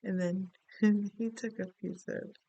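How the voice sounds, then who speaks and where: A woman's voice: mid-range voice, steady tone, slow pace, vocal fry, mellow, no room sound, lo-fi sound. A middle-aged woman from the Dominican Republic, giving a casual spoken astrology reading and rambling through a story with many asides. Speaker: astrology and tarot reader.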